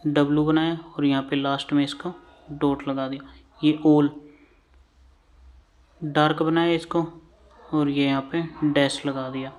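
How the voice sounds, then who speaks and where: A man's voice: a little high, darkish tone. A man with an Indian English accent teaching shorthand vowels, patiently repeating each term while he writes. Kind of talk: slow classroom lesson at a board.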